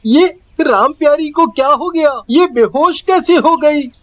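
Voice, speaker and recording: A tender young buffalo herder. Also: male voice, very high-pitched, unhurried, fairly bright tone, no room sound, highs cut off. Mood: alarmed. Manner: pleading, tearful, stammering. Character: soft-hearted young village buffalo herder. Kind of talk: cartoon story voice acting.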